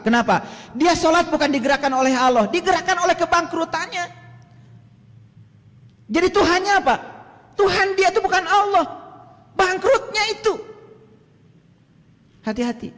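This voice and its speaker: A male religious teacher with an Indonesian accent preaching a sermon, dramatic, swinging from loud to hushed and slowly chanting Arabic verses. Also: extremely high pitch, expressive. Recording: long hall reverb.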